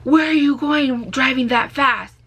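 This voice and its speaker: A man's voice: very high voice, moderate pace, creaky, pushed and bright, breathy edge, voice pushed up, full character voice. Woman putting on a curt, hostile cop. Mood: harsh, dismissive. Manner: brusque, dismissive, raised voice. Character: curt hostile male police officer.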